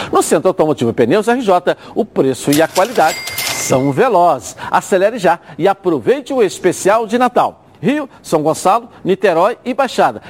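A man with a Brazilian Rio accent reading a hard-sell ad as a TV sports host, in an emphatic, urging manner. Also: a little hiss or hum. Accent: Brazilian, Rio de Janeiro. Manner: emphatic, urging sales pitch.

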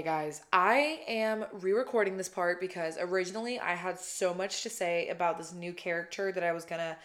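This is a woman in her twenties hosting a solo podcast, raspy-voiced after a weekend wedding, chatty, swearing a lot and saying "like" constantly. Her pitch is fairly low. The podcast microphone is close to her.

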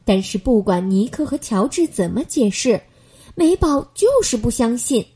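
A woman reading a children's bedtime story aloud in a gentle, expressive manner. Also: fairly high pitch, normal speed, breathy edge.

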